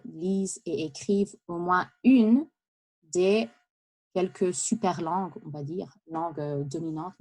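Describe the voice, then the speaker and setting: A woman delivers a prepared talk in a fairly low voice. She sounds lively and conversational, drifting into asides and small hesitations as she goes. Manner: lively, chatty, with asides and laughs. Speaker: speaker giving a practice talk. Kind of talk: prepared speech for interpreting practice.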